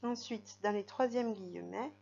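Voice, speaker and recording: Her voice mid-range, creaky and a little mellow at a moderate pace, a woman helps young children learn to read. She guides them patiently through the text, sounding out letters and syllables, in a dull lo-fi recording.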